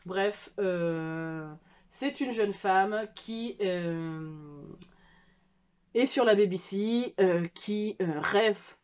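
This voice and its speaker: French woman, casual book vlogger, chatty and halting, mid pitch, slightly muffled home audio. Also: darkish tone. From France. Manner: chatty, hesitant, many fillers and restarts. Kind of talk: casual book haul chat.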